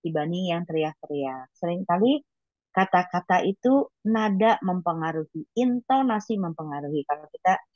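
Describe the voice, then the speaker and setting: A woman giving an informal devotional teaching to colleagues, in a blunt and habitually loud, high-toned manner. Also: dry recording, dull audio. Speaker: devotional reading leader.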